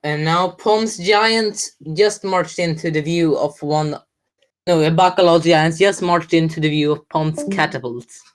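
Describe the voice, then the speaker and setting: A woman's voice: sits low, unhurried. A woman giving live commentary on a strategy game match, explaining the moves step by step and agreeing with her co-casters. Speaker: esports commentator.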